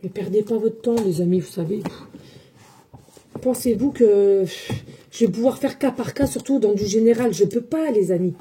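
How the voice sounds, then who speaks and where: A woman's voice: mid-range voice, moderate pace, mellow, slight background noise. A woman, a psychic medium, talking casually to her viewers in a defensive, repetitive way, full of fillers. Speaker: psychic medium giving tarot readings. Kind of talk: casual spoken monologue to viewers.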